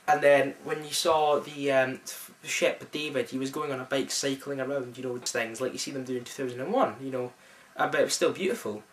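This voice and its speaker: A man's voice: mid-range voice, fairly even intonation, a little fast, hardly any pauses. Young scottish guy gushing about a film, stumbles and restarts a lot, echoey room, mic kinda far off. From Scotland. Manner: enthusiastic, rambling with many restarts and fillers. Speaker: film reviewer. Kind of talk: casual film review chat. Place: friend's flat, indoors. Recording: roomy, mic at a distance.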